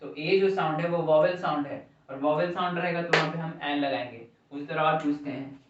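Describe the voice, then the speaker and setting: A male English teacher with a slightly high voice speaks a little fast during a grammar lesson, asking the class questions and repeating their answers. The recording is dull and echoey, captured from far off in the classroom, with slight background noise.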